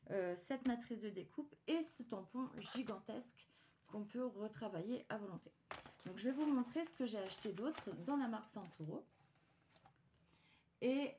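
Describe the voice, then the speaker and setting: A woman hosting a craft channel, chatting casually through an unboxing with many hesitations and dropping to quiet muttering as she handles items. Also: a little high, a little hiss or hum.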